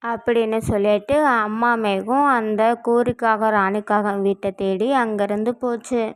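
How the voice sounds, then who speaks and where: A woman narrating a children's cartoon story in a steady storytelling way. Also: a little high, a little slow, clear, resonant tone.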